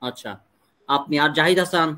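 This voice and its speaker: A young man with a Bangladeshi accent teaching an online English class, slowly drilling questions and answers for students to repeat. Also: a little high, bright, forceful tone. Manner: slow deliberate drilling of English sentences.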